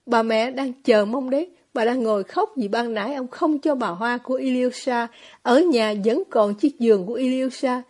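Woman reading as a gentle consoling young man. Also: fairly high pitch, normal speed, close to an everyday voice.

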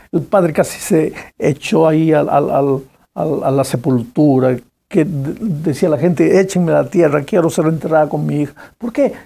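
A man's voice: fairly high pitch, creaky, dark tone, slightly rough. A man preaching a Bible commentary, emphatic and addressing listeners with direct rhetorical questions. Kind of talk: sermon-style Bible commentary.

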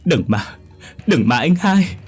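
A man's voice: fairly high pitch, big pitch swings, slow pace, a little mellow, husky, soft background music, voice pushed up, exaggerated voice. A man voicing a tearful young woman who pleads and sobs. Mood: pleading.

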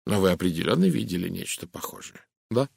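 A man voicing a stern, fussy older Belgian detective in an audiobook, asking measured questions. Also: low voice, big pitch swings, creaky, a little mellow, husky, dry recording, studio quality, full character voice. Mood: probing.

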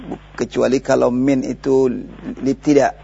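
A man's voice: medium pitch, level tone, unhurried, creaky, dark tone, slightly rough. A man with an Indonesian accent teaching Arabic grammar in a recorded lesson, patiently explaining and quizzing his student step by step. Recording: dull lo-fi radio broadcast with faint hiss.

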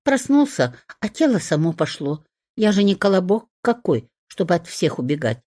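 A woman's voice: fairly low pitch, sing-song, normal speed, dark tone, pitched above the performer's own voice. A woman voicing a small, anxious male hedgehog who talks in a fretful, indignant way.

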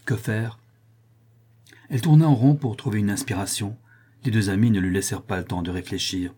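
A man reading a historical novel aloud at a measured pace, voicing every character. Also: fairly low pitch, dark tone, breathy edge. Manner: measured, voices all the characters. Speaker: audiobook reader. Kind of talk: scripted narration.

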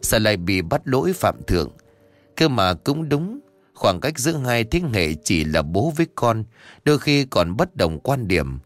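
A man narrating a first-person audiobook story in a lively way. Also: on the low side, measured pace.

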